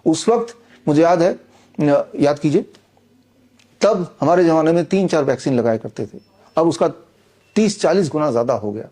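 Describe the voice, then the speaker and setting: A man's voice: a little high, animated, moderate pace, pauses often, warm tone. A middle-aged man giving an insistent, combative monologue straight to the listener, with frequent "uh" fillers as he promotes his books and a training program. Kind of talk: persuasive direct-to-camera monologue.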